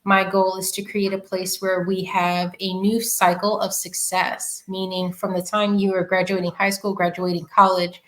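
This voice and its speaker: A woman's voice: lowish voice, little pitch movement, poor audio. Earnest New York woman giving advice. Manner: earnest, measured, with fillers. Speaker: podcast guest. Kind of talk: interview answers, giving advice.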